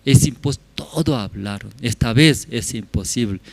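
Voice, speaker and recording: A man's voice: mid-range voice, a little slow, creaky, a little mellow, no room sound. A man preaching, telling a story and checking in with tag questions. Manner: frequent tag questions to the audience. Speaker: pastor. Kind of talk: sermon storytelling.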